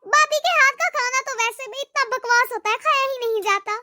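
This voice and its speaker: A woman's voice: very high-pitched, brisk, pushed and bright, dry recording, clean studio sound, full character voice. A woman voicing a spoiled young married woman in a cartoon who complains constantly. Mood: pleased. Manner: complaining, whiny.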